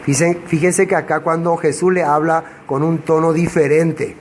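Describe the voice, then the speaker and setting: A man's voice: on the high side, little pitch movement, moderate pace, slight background noise. A man teaching a Bible passage verse by verse, who asks rhetorical questions and answers them himself. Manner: acts out quoted dialogue in changed voices.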